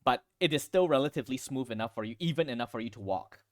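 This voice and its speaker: A man's voice: mid-range voice, fast talker, dry recording, clean studio sound. Man narrating a tabletop game as game master. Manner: descriptive second-person storytelling.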